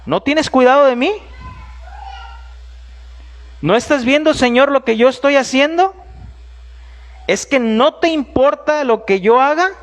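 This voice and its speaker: An indignant, exasperated woman, as a preacher puts her on, firing off pleading complaints. The voice climbs noticeably higher than the man's own speaking voice and pushes a little louder. It is a quick, emotional sermon retelling.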